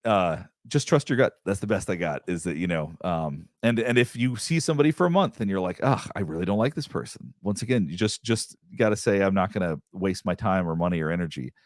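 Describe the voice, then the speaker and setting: A deep, expressive male voice moves fairly quickly with hardly any pauses. The speaker, a middle-aged Southeastern American therapist hosting a live Q&A, rambles casually through viewer questions, full of fillers and restarts. The audio is clean studio sound without echo.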